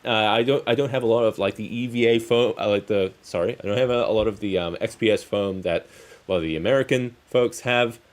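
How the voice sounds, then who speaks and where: A man chatting casually on a hobby livestream as its host, rambling in halting, trailing phrases. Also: on the low side. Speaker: streamer, crafting channel host. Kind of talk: casual livestream chat while crafting.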